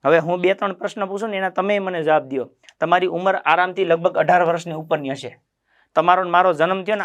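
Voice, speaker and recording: Fast rousing teacher, man. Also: high voice, fairly bright tone. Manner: rousing, scolding, rhetorical questions. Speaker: coaching teacher. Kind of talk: motivational classroom talk.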